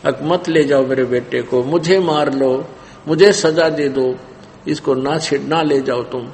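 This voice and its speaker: A man's voice: mid-range voice, steady tone, unhurried, a little mellow, slight background noise, close to an everyday voice. Man doing a pleading mother, anxious, begging, echoing hall. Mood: desperate.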